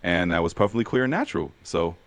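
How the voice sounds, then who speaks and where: A man's voice: low-pitched, lively intonation, quick pace. A man's voice as an AI language tutor, giving encouraging, conversational feedback. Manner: encouraging, affirming.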